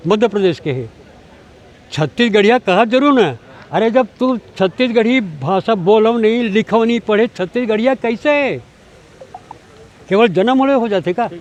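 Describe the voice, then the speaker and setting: An older man with a Chhattisgarhi accent, speaking in a high, raised voice. He lectures with force and keeps throwing rhetorical questions at his listener. The talk is taken outdoors, with passing vehicles behind him. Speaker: language activist. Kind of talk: impassioned interview answers.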